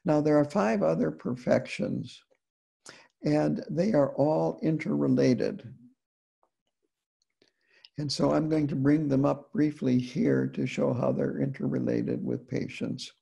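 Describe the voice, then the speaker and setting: Gravelly, slow-spoken male Buddhist teacher. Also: on the high side, lively intonation, dark tone. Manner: unhurried, deliberate, with frequent pauses. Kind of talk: dharma talk.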